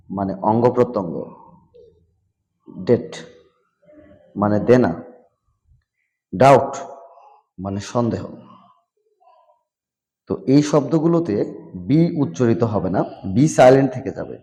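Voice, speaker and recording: A man teaching English vocabulary in a slow classroom style, repeating each word and its meaning and slipping into English phrases. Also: medium pitch, animated, warm tone. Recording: long hall reverb.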